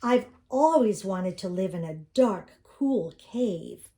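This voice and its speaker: A woman's voice: medium pitch, lively intonation, slow, mellow. An older woman voicing a curious, cheerful little toy bear in a storybook, with an innocent, wondering manner. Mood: hopeful, content. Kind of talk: children's storybook read-aloud.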